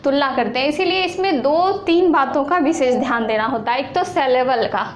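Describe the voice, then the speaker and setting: A woman teaching an exam-prep lesson, explaining slowly and repeating points, asking questions and answering them herself. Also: high-pitched. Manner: slow, repetitive explaining with questions to students. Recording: echoey room with faint noise.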